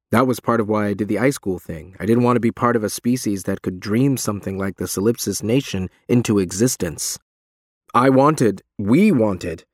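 Male narrator as haunted ex-soldier, plaintive, ashamed, low pitch, audiobook dialogue, dry sound. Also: darkish tone, dry recording, close to an everyday voice. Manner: plaintive, forlorn. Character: haunted, guilt-ridden male ex-soldier confessing war crimes.

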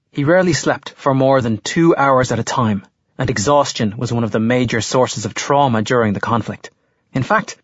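An actor gives us a thoughtful male teacher from a storybook, lecturing in a measured and explanatory way. The voice is slightly husky, and the close, dry recording sounds a little dull. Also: medium pitch, dry recording, lightly acted. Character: earnest male history teacher lecturing his class. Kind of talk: audiobook character voice.

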